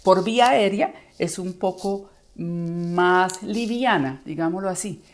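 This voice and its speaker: A woman's voice: lowish voice, takes it slowly. Woman voice coach explaining. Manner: explanatory, acts out listeners' reactions. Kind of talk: educational video lesson.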